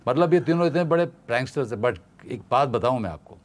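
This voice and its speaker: A man's voice: mid-range voice, fast. Guy on a podcast spinning a funny set story, does all the voices himself. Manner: animated, acts out quoted voices. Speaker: guest actor. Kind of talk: casual storytelling anecdote.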